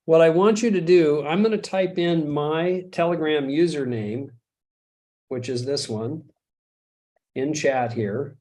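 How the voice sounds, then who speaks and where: Speaking slowly in a mellow, slightly high voice, this middle-aged host from the United States runs a live webinar. He keeps it chatty and relaxed, often laughing at his own jokes about himself.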